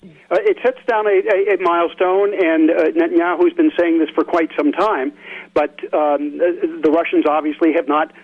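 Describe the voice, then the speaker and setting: A man's voice: fairly high pitch, fairly even intonation, normal speed. A man talking earnestly on a radio show, insistent and full of restarts, heard over a phone line. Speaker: guest analyst. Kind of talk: radio interview.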